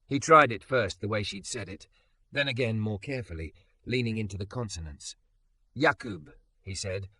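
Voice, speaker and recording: Bright-voiced male story narrator. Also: fairly low pitch, dry recording. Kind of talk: scripted narration.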